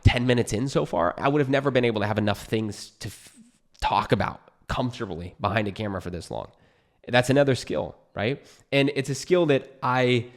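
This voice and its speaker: Speaking to camera like a YouTuber giving advice, a young adult man from California talks casually and without a script, sounding earnest and encouraging. He has an American accent and a medium-pitched voice.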